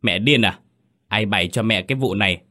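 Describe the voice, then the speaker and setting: A man voicing a frightened teenage girl who turns grieving and defiant in a ghost story reading, shrill and tearful. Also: animated, normal speed, breathy edge.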